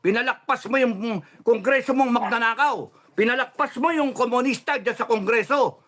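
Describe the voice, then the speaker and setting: A middle-aged man from the Philippines delivering a heated, cursing political rant, swinging from shouts to low controlled muttering. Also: normal speed. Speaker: political commentator.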